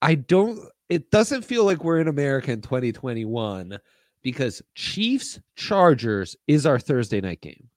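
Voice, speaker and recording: A man chats as co-host of a sports podcast, informal and wry. His medium-pitched voice sounds dry and close, and he likes to repeat a phrase to stress it. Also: very animated, unhurried, no echo. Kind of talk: casual sports show chat.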